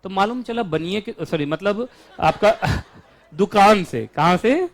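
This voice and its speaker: A man with an Indian accent teaching a law class, chatty and joking, stretching out key terms slowly. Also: sits high, expressive, slight background noise.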